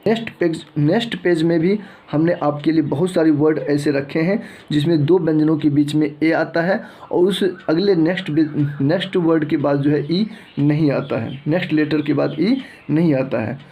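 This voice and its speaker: A man's voice: on the high side, normal speed, warm tone. A man teaching English letter pronunciation, reading word lists one by one and often restarting his phrases. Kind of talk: explaining a lesson.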